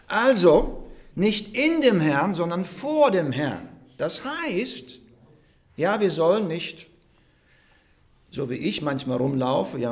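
Male pastor, animated pitch, emphatic conversational sermon delivery. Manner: lively, emphatic preaching with frequent "ja?" asides.

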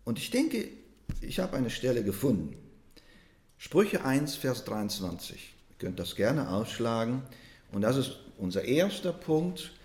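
A man preaching a Pentecost sermon, reading scripture with strong emphasis and speaking warmly to his congregation. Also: sing-song, roomy sound. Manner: slow, emphatic delivery with wide swings in pitch and loudness; addresses listeners as "ihr Lieben", asks them "ja?".

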